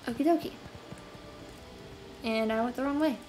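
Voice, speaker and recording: This young gameplay video host chats and rambles to herself at home while she plays, sighing often and using plenty of fillers. She has a fairly high, slightly mellow voice at normal speed, and the low-quality recording carries game music clearly behind her.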